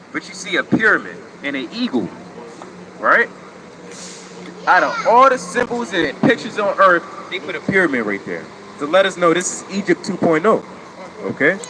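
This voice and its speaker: Emphatic man preaching on a noisy street. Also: fairly high pitch. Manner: emphatic, asks rhetorical questions. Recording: noisy street with passing traffic.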